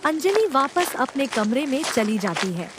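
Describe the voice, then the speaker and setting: A woman's voice: high-pitched, big pitch swings, measured pace, background noise. A woman narrating a cartoon story in a plain, scripted storytelling manner.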